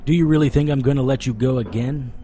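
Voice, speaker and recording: An actor narrates in first person as a hard-boiled, wisecracking vampire-hunting private eye in a noir audio drama, with a music bed under his voice. His medium-pitched, dark-toned voice moves quickly and stays close to everyday speech, while his mood comes across defiant and sardonic.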